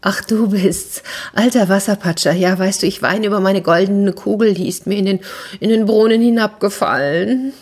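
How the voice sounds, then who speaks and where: A woman voicing a spoiled young princess in a spoken fairy tale, eager and quick to promise. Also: medium pitch, a little mellow, breathy edge, pitched above the performer's own voice, natural voice.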